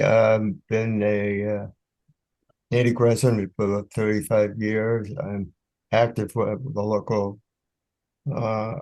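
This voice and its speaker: A man introducing himself in a group discussion, slow and halting in his delivery. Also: on the low side, darkish tone, no room sound. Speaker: local charity volunteer.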